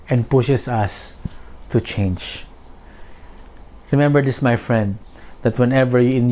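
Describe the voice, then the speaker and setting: A man preaching a sermon as pastor, slow and deliberate, stretching key phrases for emphasis. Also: medium pitch, a little mellow.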